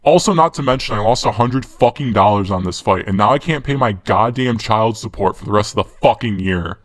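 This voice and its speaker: A man's voice: lowish voice, expressive, brisk, no echo. A man narrating a scripted top ten countdown, mock-serious with crude humor. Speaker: video narrator. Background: background music.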